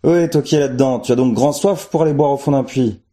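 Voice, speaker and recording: Brief: joking, bold village man, loud and raised, as a narrator puts him on. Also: mid-range voice, fast, pitched above the performer's own voice, natural voice. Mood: calling out. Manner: calling out loudly, bantering.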